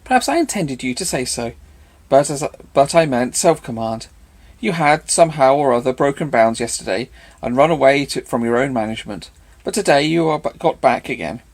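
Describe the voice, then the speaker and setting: A man's voice: medium pitch, expressive, brisk. A man voicing a witty young heroine. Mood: teasing. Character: young woman, clever, teasing heroine. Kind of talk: audiobook character reading.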